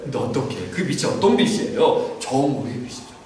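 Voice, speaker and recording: A man pastor preaching a sermon to his congregation, animated, often calling out to them and acting out heartfelt prayers. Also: medium pitch, a little fast. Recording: echoey room from far off, faint noise.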